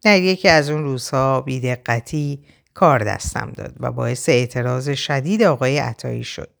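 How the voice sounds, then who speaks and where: A woman narrating a novel aloud in the first person, with expressive storytelling. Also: rumbling low, gravelly. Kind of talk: audiobook reading of a novel.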